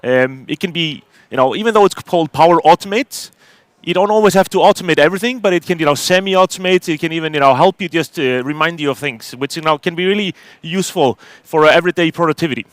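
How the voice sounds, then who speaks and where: A middle-aged Icelandic man gives a technical conference talk from a stage, his voice fairly high and his delivery fast. He's hesitant, full of fillers and restarts, and there's no room sound on the recording.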